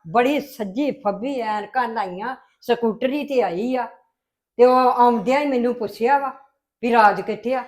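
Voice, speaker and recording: A sharp-tongued older grandmother in a homemade family drama, grumbling with suspicion about a newcomer, played by a woman. The voice sits high and stays in everyday talk. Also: lightly acted. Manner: scolding, gossipy complaint. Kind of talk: amateur family web drama.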